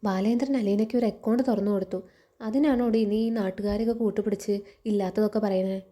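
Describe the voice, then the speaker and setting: A woman reading the lines of a sharp-tongued old grandmother who chides bluntly. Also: mid-range voice, fairly even intonation, fast, close to an everyday voice. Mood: chiding. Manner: blunt, chiding.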